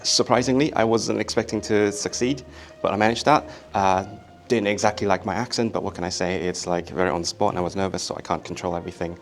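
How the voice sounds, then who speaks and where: A man's voice: deep voice, fairly even intonation, fast talker, few pauses. Man vlogging, slightly Welsh-tinged accent, faint music. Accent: slightly Welsh-tinged English. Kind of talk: casual chat to camera.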